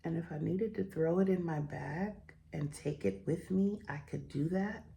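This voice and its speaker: A woman chatting casually while doing her makeup for viewers, rambling and friendly, with a croaky morning voice. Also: deep voice, moderate pace. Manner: chatty, rambling, warm sign-offs to viewers. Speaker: beauty vlogger and host. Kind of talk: chatty get-ready-with-me talk.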